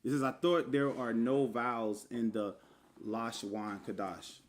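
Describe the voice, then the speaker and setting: A man with a mid-range, fairly even voice speaks unhurriedly over slight background noise. He's a religious teacher giving a casual online lesson with screen share, explaining scripture words and spelling them letter by letter. His manner is informal, full of fillers and asides, and he calls the listener brother.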